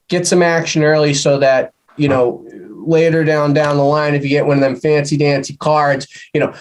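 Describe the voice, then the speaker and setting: A man with a somewhat raised voice plays a board game over an online call. He talks through his numbers in a loose, chatty way, with silly slang. Keyboard typing sounds are heard in the background. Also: a little high. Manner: chatty, goofy slang while reasoning. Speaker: player. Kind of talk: casual game talk.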